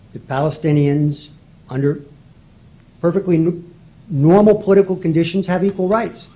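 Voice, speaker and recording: A man arguing as a lawyer before a judge, pressing his points with rhetorical questions and emphatic repetition. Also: sits high. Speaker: lawyer arguing in federal court. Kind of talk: courtroom oral argument. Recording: dull lo-fi courtroom audio.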